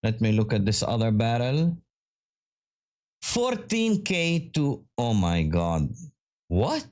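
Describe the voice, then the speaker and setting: A man commentating his own live gaming stream, reacting loudly and swearing often. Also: mid-range voice, wildly swooping pitch, slow.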